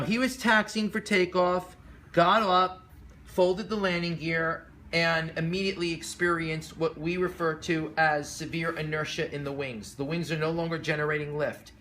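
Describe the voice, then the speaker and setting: A man's voice: a little high, bright, forceful tone. A man giving explanatory commentary in an emphatic, earnest, cautionary way, like an instructor. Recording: clear background noise.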